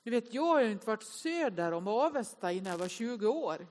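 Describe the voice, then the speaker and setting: Self-mocking woman preaching in a reverberant hall. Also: a little high. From inland northern Sweden. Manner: self-mocking, animated storyteller addressing the congregation. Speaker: speaker at a Sunday service. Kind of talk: humorous sermon storytelling. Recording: long reverb of a large hall.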